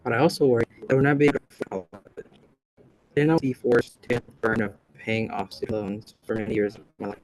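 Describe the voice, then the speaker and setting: A man's voice: medium pitch, little pitch movement, fast talker, a little mellow, low-quality recording. A young man from El Salvador, a college student, reading prepared testimony at a meeting. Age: young adult. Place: meeting room.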